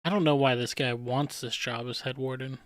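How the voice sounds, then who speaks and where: Male streamer, casual rambling commentary, smooth voice, dry close mic. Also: medium pitch, brisk, no echo. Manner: relaxed, rambling, chuckles at himself. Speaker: streamer analyzing manga panels.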